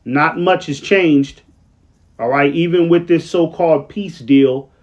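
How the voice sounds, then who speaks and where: Tired man with a slightly high voice. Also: lo-fi sound. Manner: rambling, keeps asking "right?", slows down to read quotes. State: tired, yawning late at night. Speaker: online commentator. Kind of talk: casual commentary reading news aloud. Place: at work, late at night.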